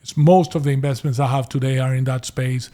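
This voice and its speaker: A middle-aged Venezuelan man, a property investor appearing as an interview guest, tells his story with a Venezuelan Spanish accent blended with American and Australian influences. He restarts, repeats words, and uses many fillers. His mid-range voice is steady and mellow, and he talks briskly.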